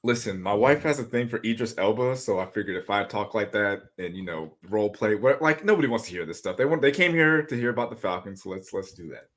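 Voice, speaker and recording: Deep-voiced laid-back man podcast guest. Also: expressive, quick pace, few pauses, a bit bright. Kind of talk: casual sports podcast chat.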